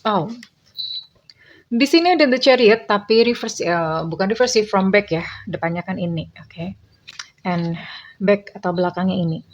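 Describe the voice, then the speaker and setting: A woman's voice: medium pitch, moderate pace, long pauses, lo-fi sound. A woman tarot reader speaking casually to her viewers, chatty and meandering, with many fillers.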